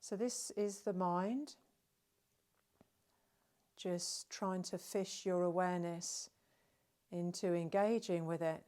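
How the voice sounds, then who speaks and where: In very slow, very even speech, a woman with a slightly low voice leads a relaxation session. Her guided meditation narration is gentle and soothing, made of short phrases separated by long pauses.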